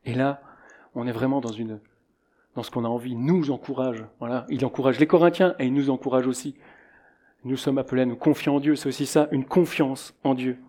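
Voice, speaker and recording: A man's voice: mid-range voice, steady tone, a little fast, dark tone. A middle-aged man preaching a sermon in a conversational way, illustrating his points with anecdotes.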